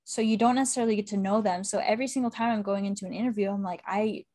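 A young woman from Canada, talking in a casual interview. She is chatty and enthusiastic, piling on fillers and breaking into quick laughs. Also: mid-range voice, steady tone, a little mellow. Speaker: guest, women's football correspondent.

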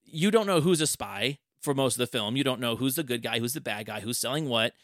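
An enthusiastic male podcast host in casual chat, telling things in an animated way. His voice sits in a mid range and sounds dry and close, with no room around it. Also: mid-range voice, brisk, dry recording.

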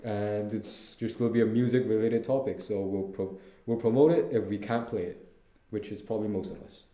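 Teen boy co-host, very mellow dark tone, roomy echo. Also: on the low side, a little fast. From Hong Kong. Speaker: podcast co-host. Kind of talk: casual explanation. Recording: echoey room.

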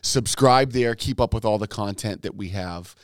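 A man's voice: on the low side, moderate pace, no room sound, studio quality. Easygoing joking male podcast co-host. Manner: joking, easygoing, plugs the show. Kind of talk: casual podcast banter.

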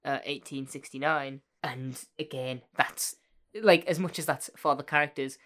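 A woman with a low-pitched yet cartoonish voice co-hosts a casual fan podcast. She is excitable and jokey, prone to gushing. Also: normal speed. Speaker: podcast co-host. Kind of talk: casual chat about a TV series.

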